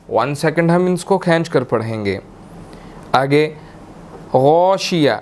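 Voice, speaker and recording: A man with a Pakistani Urdu accent teaching tajweed, explaining patiently and slowly drawing out recited words. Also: on the high side. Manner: patient, repeats each word slowly with drawn-out recitation, checks "theek hai?".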